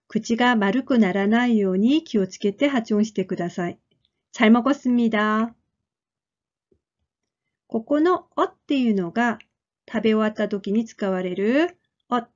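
A woman teaches a language lesson in a fairly high voice. She speaks clearly and deliberately, repeating each model phrase several times. The recording sounds somewhat muffled. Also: darkish tone. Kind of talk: slow, careful lesson explanation.

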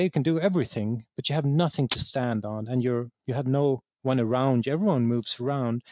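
A Swedish game designer, whose first language is Swedish and who speaks with a Swedish accent, reflects during an interview, often repeating words while hunting for the right one. His voice sits in the mid-range, captured with studio quality and no echo.

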